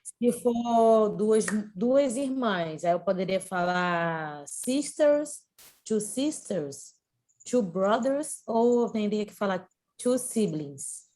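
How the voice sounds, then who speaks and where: Slow-speaking woman student asking questions. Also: mid-range voice, lively intonation, dark tone. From Brazil. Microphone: video call.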